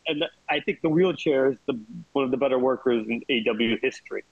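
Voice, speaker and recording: Wry male podcast panelist in casual chat, husky voice, close dry sound. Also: mid-range voice, fast talker, no echo, lo-fi sound.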